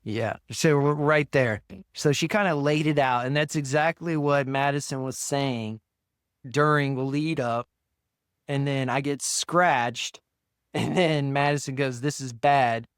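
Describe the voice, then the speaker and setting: A man's voice: medium pitch, fairly even intonation, unhurried, fairly bright tone, clear, resonant tone, dry recording, clean studio sound. A man co-hosting a paranormal podcast, chatting casually in a loose, hesitant way full of fillers. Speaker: podcast co-host, paranormal investigator.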